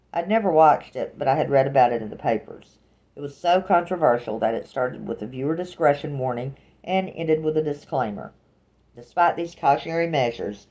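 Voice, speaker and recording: A woman's voice: rumbling low, warm tone, muffled recording. A woman from Alabama with a Southern accent, reading a first-person novel aloud with a dry, wry delivery. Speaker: audiobook narrator.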